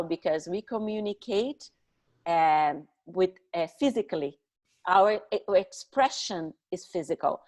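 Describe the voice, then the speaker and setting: A middle-aged woman who speaks English as a second language, talking expressively and emphatically as a guest in a conversational podcast interview. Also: on the low side. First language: not English.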